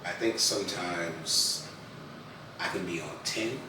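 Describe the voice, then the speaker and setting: A man in casual chat, speaking in a relaxed, thoughtful way. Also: sits low, slow. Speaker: guest answering a couples card question. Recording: echoey room from a distant mic, with background noise.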